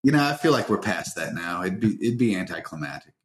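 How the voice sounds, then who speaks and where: A man's voice: low voice, big pitch swings, quick pace, slight background noise. A man from the American South, a podcast co-host telling stories in a wry, joking way. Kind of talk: casual chat. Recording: roomy echo.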